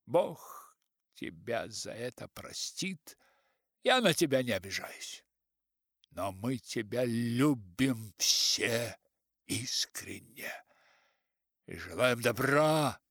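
A man voicing a self-righteous older male writer who lectures and shouts, loud and insistent, dragging his words out. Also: medium pitch, big pitch swings, no echo, studio quality, exaggerated voice. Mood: indignant shouting. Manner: loud, preachy, slow and insistent.

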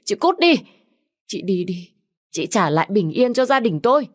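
A woman's voice: big pitch swings, moderate pace. A woman voicing a spiteful, hysterical young sister-in-law who screams and sobs her accusations. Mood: screaming, accusing. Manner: shrill screaming, sobbing accusations.

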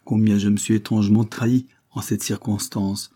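A man's voice: lowish voice, little pitch movement, normal speed, warm tone, lightly acted. A man voicing an earnest, anxious young woman in an audiobook, with a fervent, pleading delivery. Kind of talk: audiobook character reading.

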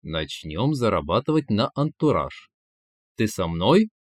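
A man reading a story aloud, voicing an excitable, gullible young man who blurts things out and gets indignant when flustered. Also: lowish voice, a little slow, no room sound, clean studio sound. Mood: determined. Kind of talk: audiobook character voicing.

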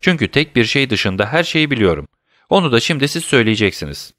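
Sherlock Holmes, alaycı ve soğukkanlı dedektif bir erkeğin sesiyle. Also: male voice, mid-range voice, a little fast, no echo, studio quality, voice pushed up. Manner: calm, teasing, commanding. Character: cool, mocking male detective, middle-aged. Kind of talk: audiobook character voice.

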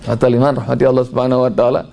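Gravelly preacher telling a story. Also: male voice, mid-range voice, rapid-fire. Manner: lively storyteller, acts out voices, addresses the congregation. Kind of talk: storytelling sermon.

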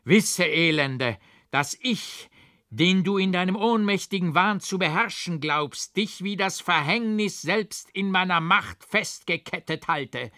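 A man's voice: high-pitched, lively intonation, a little slow, pushed and bright, no room sound, studio quality, pitched above the performer's own voice, heavily acted. A man reading an audiobook, voicing a vengeful fallen monk who speaks in vehement, scornful outbursts. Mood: raging scorn. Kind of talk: audiobook reading of a classic novel.

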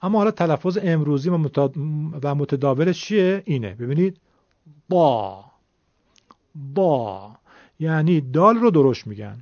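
A middle-aged man teaching Quran recitation, explaining patiently and demonstrating sounds slowly. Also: on the high side, expressive, darkish tone, no echo. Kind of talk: explanatory lesson. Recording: dull lo-fi recording.

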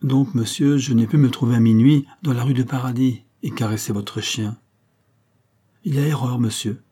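A man's voice: mid-range voice, fairly even intonation, normal speed, dark tone, husky, lightly acted. A male narrator voicing a fussy, methodical old accountant who speaks with prim indignation. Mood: insistent.

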